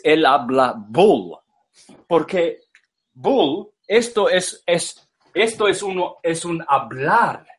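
Slow, halting man lecturing. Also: fairly high pitch, a bit bright. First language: English. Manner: halting, repeats words, searches for Spanish words.

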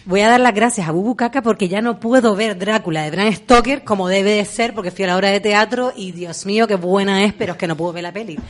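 A woman's voice: medium pitch, fast, hardly any pauses. A woman, co-hosting a podcast, talking in a chatty way and laughing often. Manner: chatty, laughs often, says ¿sabes? a lot. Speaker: podcast co-host. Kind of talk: casual chat.

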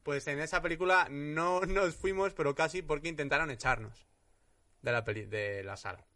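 A man's voice: on the high side, moderate pace, sharp tone. A man from co-hosting a comedy podcast, chatting in a laid-back way with wry asides. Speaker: podcast co-host.

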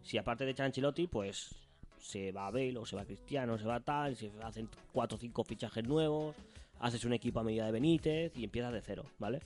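A man from Spain, chatting casually about football on a podcast, his voice sitting at an ordinary middle pitch. He runs on, repeating himself and breaking into laughter, while faint music plays underneath. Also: a little fast, a little mellow. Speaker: podcast co-host.

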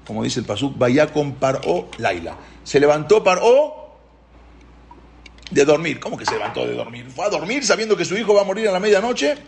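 A man's voice: high-pitched, big pitch swings, a little fast, creaky, a little hiss or hum. A man teaching a Torah lesson, telling the story dramatically and asking his listeners questions.

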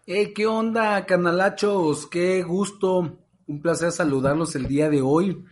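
A man's voice: high-pitched, a little slow. A young adult man with a Mexican accent co-hosting a podcast in casual, slangy talk. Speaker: podcast co-host.

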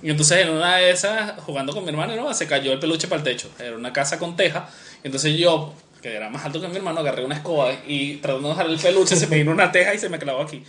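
A man's voice: a little high, very fast, fairly bright tone, slight background noise. A young man, co-hosting a podcast and telling rambling childhood stories in casual chat. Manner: rambling, many fillers and restarts. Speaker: podcast co-host.

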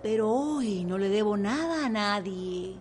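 A woman's voice: mid-range voice, lively intonation, unhurried, darkish tone, slight background noise, close to an everyday voice. An actress playing a bitter, scorned woman who taunts and threatens a girl. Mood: sneering. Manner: sneering, threatening, mocking. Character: bitter scorned woman, father's former lover. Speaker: radio drama actress.

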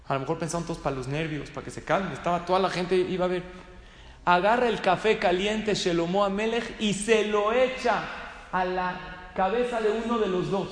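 Guy w a high voice teaching a religious class, tells stories and keeps asking the room questions, big echoey hall. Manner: storytelling, poses questions to the audience. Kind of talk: religious study lecture.

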